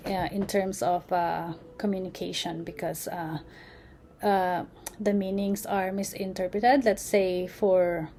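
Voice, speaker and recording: Woman presenter, slow and mellow, halting lecture delivery with a faint background hiss. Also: medium pitch. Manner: halting, many fillers and restarts. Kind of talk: unscripted lecture.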